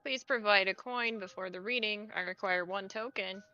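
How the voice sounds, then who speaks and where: A woman's voice: medium pitch, moderate pace, pushed and bright, lo-fi sound, soft background music, natural voice. A woman voicing a mechanical fortune teller in a box, speaking in formal, clipped stock phrases in a tabletop game. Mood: formal, courteous.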